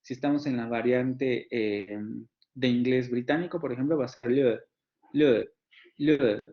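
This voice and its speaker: A man with a Mexican Spanish accent giving a university phonetics lecture, explaining slowly, repeating example words and pausing with fillers. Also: medium pitch, highs cut off. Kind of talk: online lecture to students.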